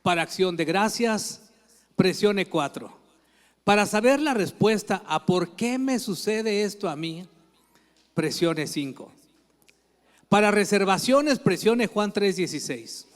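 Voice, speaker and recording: A man's voice: high-pitched, animated, takes it slowly. A man playing a cheerful automated answering machine that reads out menu options. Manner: prompt-reading menu voice. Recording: reverberant church hall.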